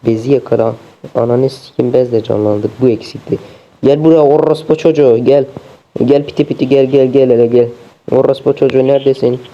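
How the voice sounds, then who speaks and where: Commentating his own gameplay as a streamer, this young man swears nonstop and sounds fed up. His mid-range voice is warm and level, a little fast, and the recording is dull lo-fi.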